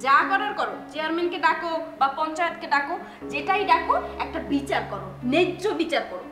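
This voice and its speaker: A woman's voice: sits high, animated, fast, echoey room, over music. An actress playing a scheming young wife who accuses her mother-in-law and threatens to leave. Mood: demanding. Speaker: elder daughter-in-law. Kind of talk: village TV drama acting.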